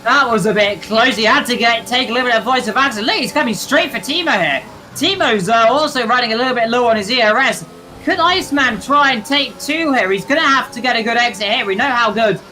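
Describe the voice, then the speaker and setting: A young man commentating a sim racing league, chatty and excitable, shouting at crashes. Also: very high-pitched, fast. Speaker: race commentator.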